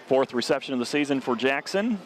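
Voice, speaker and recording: Male play-by-play voice, mid pitch, for local high school football. Steady calls that spike on touchdowns, with faint outdoor noise. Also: brisk. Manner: steady, rises sharply on scoring plays. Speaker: play-by-play announcer.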